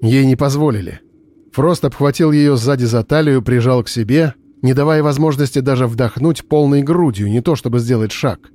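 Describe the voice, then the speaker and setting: A man reading an audiobook narration in a steady, even storytelling voice. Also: medium pitch, normal speed. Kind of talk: scripted narration.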